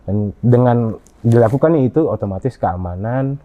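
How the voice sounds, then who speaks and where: A man answering interview questions in a halting way, with frequent fillers and restarts. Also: medium pitch. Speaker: interview guest. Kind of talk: conversational interview. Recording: dull lo-fi audio.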